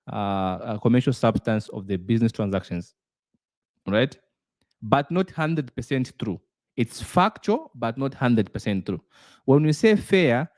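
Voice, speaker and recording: A man tutoring a student, explaining concepts step by step with examples, repeating himself and pausing on "uh". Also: mid-range voice, darkish tone, no room sound. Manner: repeats points, frequent "uh" fillers. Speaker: auditing tutor quizzing a student. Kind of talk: explanatory lesson with worked examples.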